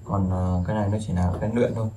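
Racing through a casual, rambling language lesson, a Chinese teacher with a fairly low-pitched voice fills his speech with fillers and repetitions. There is slight background noise.

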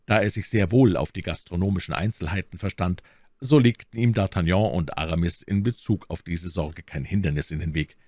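A man narrating a classic novel as an audiobook reader in a steady storytelling voice. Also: sits low, a little fast, dry recording.

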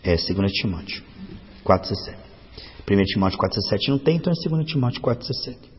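A man's voice: lowish voice, lively intonation, fast talker. Man, Brazilian accent, pastor, sermon, emphatic swells, long reverb, lo-fi sound. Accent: Brazilian Portuguese. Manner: preaching with rising emphatic swells and quoted asides.

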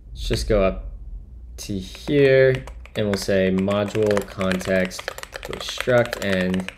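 A man's voice: low-pitched, a little hiss or hum. A man live-coding on a stream, thinking aloud and talking to chat in a musing, trailing-off way as he types.

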